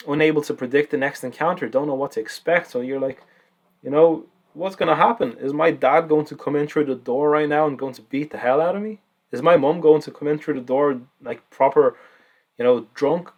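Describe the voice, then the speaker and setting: A man's voice: medium pitch, creaky. A man presenting a self-help video in a casual, informal way, often repeating words and swearing now and then. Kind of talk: casual explainer talk.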